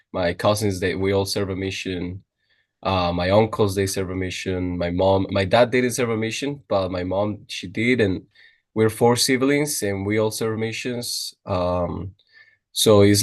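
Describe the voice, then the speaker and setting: A young man, a podcast guest in casual chat, restarting often and using many fillers. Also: fairly low pitch. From Costa Rica. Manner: restarting, filler-heavy, lively.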